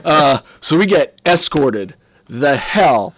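A man in his forties casually telling a funny story, animated and laughing as he acts out the scene. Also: fairly high pitch, slow pace, no room sound, clean studio sound.

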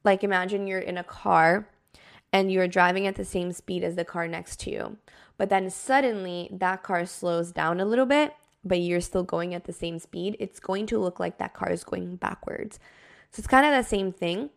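A woman's voice: lowish voice, moderate pace, gravelly. A woman podcast host explaining things in a casual, conversational and reassuring way, with frequent filler words like "like" and "kind of".

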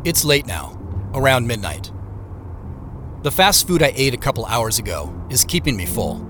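An actor with an American accent plays a reflective man narrating his road trip in a measured, literary audio-drama style. His natural, medium-pitched voice is very animated, and it plays over music. The storytelling itself is matter-of-fact.

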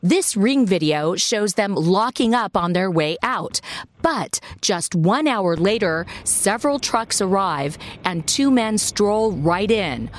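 A woman narrates a scripted TV news report. Her voice sits at an average pitch as she lays out the story as a reporter. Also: animated, slow, a little hiss or hum.

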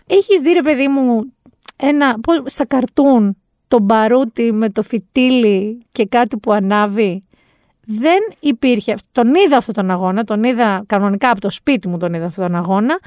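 A woman hosting a podcast, telling stories in a chatty, sarcastic, animated way. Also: fairly high pitch, dry recording, clean studio sound. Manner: chatty, sarcastic, animated storytelling with quoted voices. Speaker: podcast host. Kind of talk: casual chat recap.

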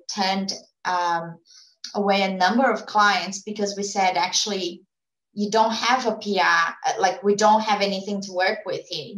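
An immigrant to Australia who owns a PR agency, a woman whose first language isn't English, is a guest answering interview questions. She's casual and earnest, with lots of fillers and restarted sentences. Her mid-range voice echoes in a reverberant room.

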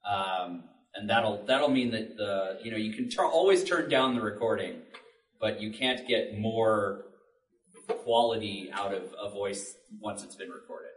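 The recording comes from a panel room at a public library, with echo and a far-off microphone. A man who makes audio dramas speaks informally and plainly as a panelist, his low-side voice keeping a measured pace.

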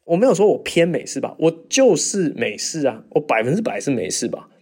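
Animated man hosting a chatty podcast. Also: a little high, brisk, breathy edge. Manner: animated, mock-exasperated rants, jokey asides; mimics accents in bursts of English. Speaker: podcast host reading listener questions. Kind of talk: casual chat.

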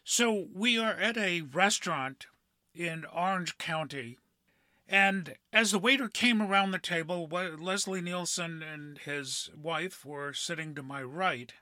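A middle-aged man hosting a podcast, telling a story in a measured way with frequent pauses and "uh" fillers. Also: a little high, pushed and bright, no room sound. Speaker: podcast host. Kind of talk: storytelling monologue.

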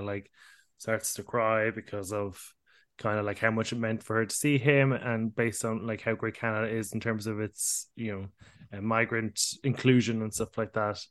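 A man's voice: on the low side, fairly bright tone. A man hosting a podcast, upbeat and steering the chat with questions. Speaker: podcast host. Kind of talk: casual chat.

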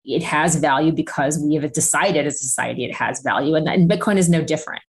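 A woman co-hosting a podcast, thinking out loud in a reflective, conversational way. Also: low voice, fast talker. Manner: reflective, talks through ideas with fillers. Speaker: podcast co-host. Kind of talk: casual discussion.

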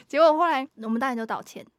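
A woman's voice: high voice, a little fast, no room sound. A woman, co-hosting a podcast and telling a work story while acting out the customers. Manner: animated storyteller, acts out customers. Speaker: podcast co-host. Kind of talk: casual chat.

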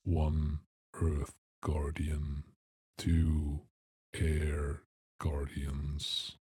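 A man voicing a towering, emotionless stone guardian in a monotone, slow and deliberate. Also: very deep voice, husky, dry recording, pitched below the performer's own voice, full character voice. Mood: flat, stern.

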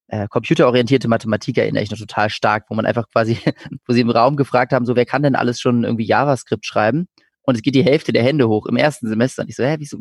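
A man's voice: mid-range voice, dry recording. Reflective man, dry close sound. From Germany (Berlin). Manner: reflective, hesitant, many fillers and restarts. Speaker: interview guest. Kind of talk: casual conversational interview.

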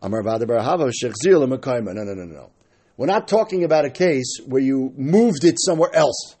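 Reading out Talmud phrases and unpacking them, this man argues his way through by asking questions and then answering them. He speaks briskly in a mid-range, animated voice that's mellow and husky.

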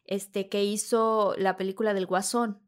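Animated Mexican woman telling a story. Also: mid-range voice, a little slow. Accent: Mexican Spanish. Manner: animated, acts out the scenes. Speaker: guest. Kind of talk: storytelling anecdote.

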